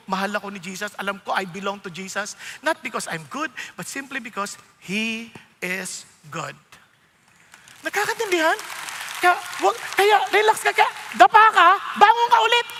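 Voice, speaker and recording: A Filipino man preaching a sermon, animated and playful, acting out the voices of people he quotes and mixing in English phrases. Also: extremely high pitch, long reverb tail. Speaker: pastor.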